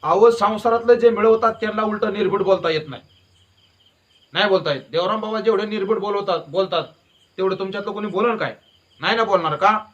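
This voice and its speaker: A man delivers a devotional sermon in a high, ringing voice, hammering his points home by repeating them. He keeps drifting into folksy stories. The recording is dull and lo-fi. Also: quick pace, a bit bright. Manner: emphatic and repetitive, with folksy storytelling. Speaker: devotional preacher.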